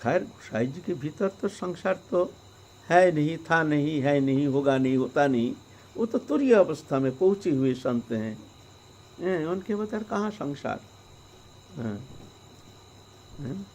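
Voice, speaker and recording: A male preacher with a fairly high voice tells a devotional story in a loose, conversational manner, full of fillers and asides. Crickets and insects chirp faintly behind him. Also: lively intonation, unhurried, long pauses, darkish tone, a little hiss or hum, poor audio.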